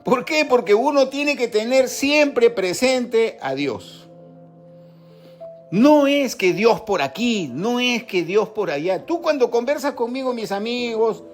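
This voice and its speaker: A middle-aged man with a Peruvian Spanish accent hosting a radio show, telling folksy stories and giving spiritual advice. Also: high voice. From Peru. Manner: folksy, storytelling, preachy asides. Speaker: radio host. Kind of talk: spiritual talk and anecdote.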